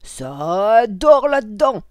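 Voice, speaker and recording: A woman's voice: low voice, big pitch swings, takes it slowly, dry recording, exaggerated voice. A woman voicing a wicked old witch in a children's story, with a theatrical, cackling manner. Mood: boisterous.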